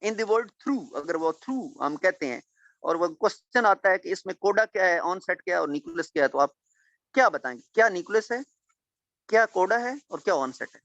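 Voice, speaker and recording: A man lectures a class with a very lively, animated pitch. He patiently repeats key points and puts questions to his students. The recording is dry and a little dull. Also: moderate pace, no echo. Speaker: teacher.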